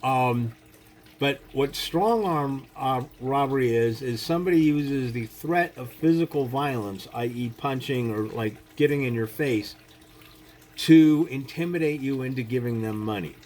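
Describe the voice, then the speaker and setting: A man's voice: mid-range voice, unhurried, darkish tone, a little hiss or hum. A man giving a casual spoken lesson on self-defense, talking bluntly with frequent "you know" and "okay?" and swearing casually. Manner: acts out quoted speech.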